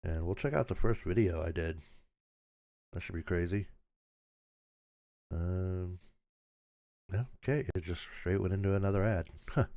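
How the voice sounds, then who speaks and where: An older man hosting a casual livestream, his voice raspy from a recent sore throat, rambling easily and laughing at himself. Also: low-pitched, a little slow, pauses often, dark tone, dry recording, studio quality. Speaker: channel host.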